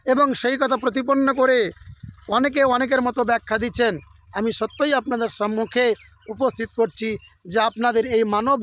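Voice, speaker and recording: Very high-voiced man preaching outdoors. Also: a bit bright. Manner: repetitive rhetorical, earnestly pleading with listeners. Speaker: religious preacher. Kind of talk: devotional sermon to a camera audience. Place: outdoors beside a rice field.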